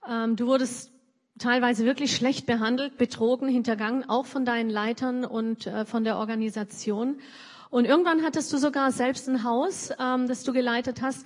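A woman interviewer asking gentle questions with frequent hesitations. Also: fairly high pitch, big-room sound. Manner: hesitant, many fillers. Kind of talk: interview questions and book reading.

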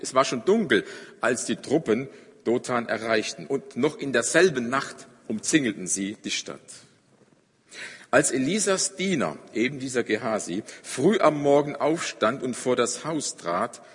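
A man with a husky voice preaches in a church, and his words trail off into a long hall reverb. He tells the story dramatically, swinging from loud emphasis to hushed tones. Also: mid-range voice, animated, measured pace. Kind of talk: sermon.

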